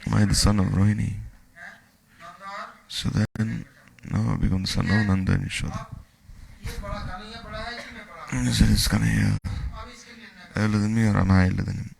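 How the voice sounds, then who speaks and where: A man's voice: on the low side, fairly even intonation, normal speed, creaky, pauses often, a little mellow, rough recording. A man, giving a devotional talk, retelling scripture stories with quoted dialogue. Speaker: spiritual teacher.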